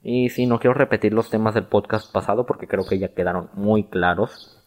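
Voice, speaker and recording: A young man with a Mexican Spanish accent talks through a casual solo podcast in a somewhat low voice. He rambles, swears freely and laughs at his own stumbles, restarting phrases when he gets them wrong. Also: a little fast. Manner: rambling, profane, self-mocking, stumbles over words. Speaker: podcast host.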